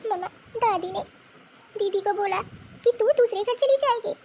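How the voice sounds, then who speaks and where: A woman's voice: extremely high pitch, measured pace, a little mellow, a little hiss or hum, voice pushed up. A woman voicing an upset young granddaughter in a cartoon, whiny and tearful. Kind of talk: cartoon voice acting.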